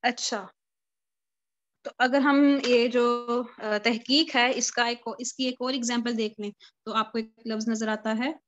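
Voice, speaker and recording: A woman with a high voice leads a live online class on Quran recitation. She works through each point patiently and keeps asking her students questions. The audio is dull and lo-fi, like a video call recording. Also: steady tone, a little slow. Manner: patient step-by-step explaining, poses questions to students.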